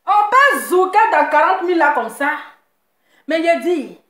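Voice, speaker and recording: A woman's voice: very high voice, lively intonation, unhurried, a bit bright, echoey room. A woman hosting a live show, teasing and mocking in a sing-song voice, repeating her phrases.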